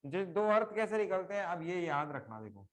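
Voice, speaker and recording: A middle-aged man teaches a live online class, explaining slowly, repeating examples and asking his students questions. His voice is high-pitched and sing-song.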